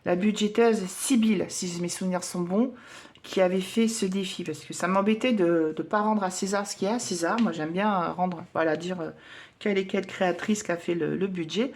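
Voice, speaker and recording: A woman's voice: lowish voice, fairly quick, a little mellow, slight background noise. A woman vlogger at home, chatting casually and hesitantly with many fillers while counting coins for her budget challenges.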